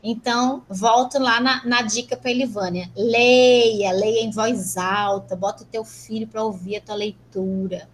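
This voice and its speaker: A Brazilian woman lecturer teaching an online class, brisk and teasing, asking rhetorical questions. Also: mid-range voice, fairly even intonation, slight background noise, rough recording. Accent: Brazilian Portuguese. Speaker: university lecturer.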